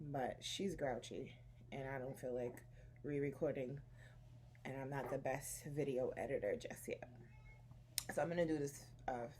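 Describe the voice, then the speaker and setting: A woman's voice: low-pitched, mellow, slight background noise. A woman telling her birth story to camera at home in a chatty, rambling way, restarting her sentences as she bounces a baby. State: bouncing a baby while talking. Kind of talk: casual chat to camera.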